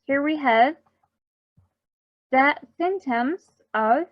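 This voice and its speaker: Slow, careful woman teacher. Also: sits high, highs cut off. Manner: slow, careful, repeats each term for pronunciation. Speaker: English teacher for health workers. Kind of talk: recorded online class explaining slides.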